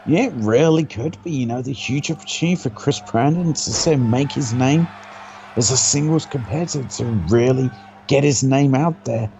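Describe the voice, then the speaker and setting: A man's voice: mid-range voice, normal speed, gravelly, dark tone, a little hiss or hum, low-quality recording. A man working as a wrestling co-commentator, informally describing the moves and backing up the calls.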